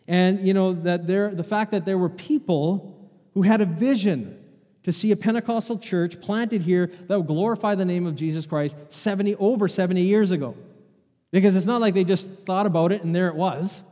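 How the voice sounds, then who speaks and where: In a church sanctuary, a pastor preaches, talking with the congregation and tossing out rhetorical questions. His voice sits high and warm, at a normal speed, with long church hall reverb on the recording.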